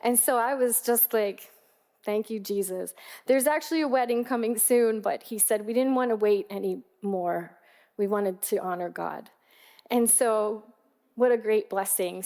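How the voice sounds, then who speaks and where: A woman's voice: on the high side, moderate pace. A woman in her forties from Pennsylvania, giving a guest talk at a gala and telling personal stories in a chatty way. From Pennsylvania, USA. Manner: warm, chatty storytelling with acted quotes. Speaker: guest speaker. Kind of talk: personal storytelling speech. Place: event hall. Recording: long reverb of a large hall.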